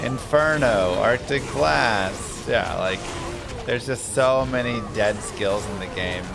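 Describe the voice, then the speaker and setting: A man with a mid-range voice streams a video game and chats casually. He rambles in informal gamer slang at a slow, easy pace. Music plays clearly behind him. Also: medium pitch.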